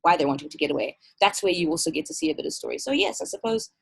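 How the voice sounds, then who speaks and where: A woman from Malawi speaks as an interview guest over a video call, with a lowish, husky voice. Her delivery is thoughtful and measured. She reflects aloud as she answers. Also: huge pitch swings. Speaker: guest, music festival curator. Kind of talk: casual interview talk.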